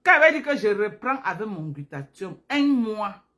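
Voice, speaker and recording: A woman's voice: medium pitch, moderate pace. A woman talking casually and emphatically to viewers on a phone live stream, repeating herself for emphasis. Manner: animated, repetitive, emphatic, addresses viewers directly.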